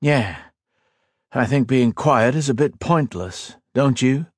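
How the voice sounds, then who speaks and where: A man's voice: mid-range voice, animated, slow pace, dry recording, clean studio sound, pitched above the performer's own voice. A man voicing a blunt, impatient young man who speaks in a raised, curt and urgent way. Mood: teasing.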